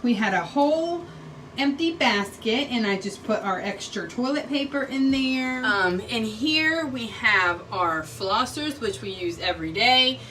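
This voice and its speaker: A woman's voice: fairly high pitch, expressive, measured pace, bright, forceful tone, recorded from a distance, slight background noise, rough recording. A young woman vlogging casually at home, chatting as she walks viewers through her bathroom while decluttering and cleaning.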